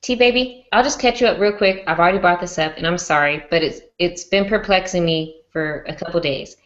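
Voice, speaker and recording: A woman co-hosting a casual live-stream chat, chatty and energetic. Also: on the low side, a little fast, lo-fi sound. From Mexico. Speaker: co-host.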